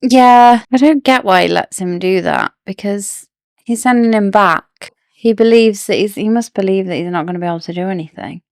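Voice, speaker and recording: Female co-host with a low, gravelly voice, thoughtful and speculative in casual chat. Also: normal speed, darkish tone, no room sound, clean studio sound. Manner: speculative, musing over plot theories. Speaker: podcast co-host. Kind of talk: casual book discussion.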